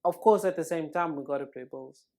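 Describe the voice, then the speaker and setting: A man's voice: a little high, a little fast, a crowd in the background. A young man, co-hosting a casual podcast, laid-back and joking. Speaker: podcast co-host. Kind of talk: casual chat.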